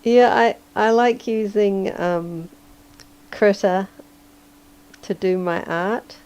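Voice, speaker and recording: A woman chatting casually on a livestream while drawing, hoarse and sleepy, rambling and chuckling often. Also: mid-range voice, slow, a little mellow. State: hoarse, losing her voice. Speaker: livestreaming digital artist.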